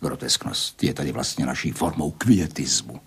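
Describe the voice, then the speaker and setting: A man's voice: rumbling low, gravelly, husky, exaggerated voice. An actor in a radio play voicing an older male physicist who pleads with a woman and lectures at length, sometimes sinking to a whisper. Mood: lecturing. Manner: pleading then philosophizing, drops to whispers. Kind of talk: Czech radio play acting.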